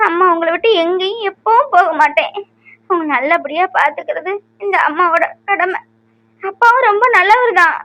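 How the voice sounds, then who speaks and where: A woman's voice: very high-pitched, sharp tone, no room sound, low-quality recording. A woman voicing a tearful young mother. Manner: tearful, tender and pleading. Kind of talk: cartoon serial voice acting.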